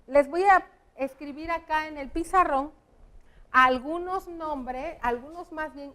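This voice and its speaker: A woman's voice: sits high, takes it slowly, fairly bright tone. A woman, a primary school teacher on an educational TV lesson, patiently explaining spelling rules step by step to children. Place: TV classroom set with a whiteboard.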